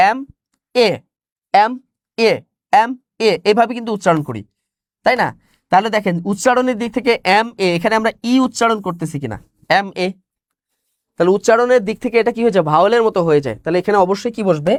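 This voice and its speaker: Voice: medium pitch, no echo, studio quality. Teacher quizzing the class. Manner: asks questions and answers them, repeats key words. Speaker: exam-prep teacher. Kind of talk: live online class.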